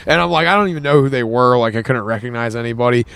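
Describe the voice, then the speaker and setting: A young man in the middle of a loose podcast chat, telling a story with "like" in nearly every breath. He swears casually, restarts his sentences and wanders through the details at an easy, conversational pitch. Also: rapid-fire, vocal fry, fairly bright tone, clear, resonant tone. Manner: rambling, heavy filler words, casual swearing. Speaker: podcast co-host.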